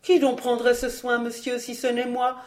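A woman's voice: fairly high pitch, completely flat delivery, normal speed, darkish tone, pitched above the performer's own voice, natural voice. A woman reading as a fretful, greedy old-regime steward. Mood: plaintive grumbling. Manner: complaining, fussy and self-pitying. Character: fretful middle-aged male royal steward, petty and greedy.

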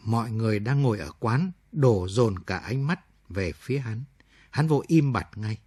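A man narrating a late-night radio story in a measured, somber reading. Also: fairly low pitch, lively intonation, darkish tone, breathy edge, no echo.

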